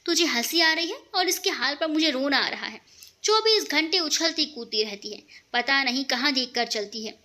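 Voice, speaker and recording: A woman's voice: sits high, animated, moderate pace, bright, forceful tone. A woman voicing an exasperated young man complaining about his clumsy younger sister. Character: exasperated young man, scolding older brother.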